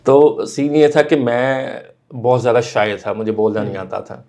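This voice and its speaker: Gravelly-voiced man, earnest. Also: mid-range voice, warm tone. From Pakistan. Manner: earnest, explanatory, mixes in English phrases. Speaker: guest, radio and TV news anchor. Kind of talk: conversational interview answers.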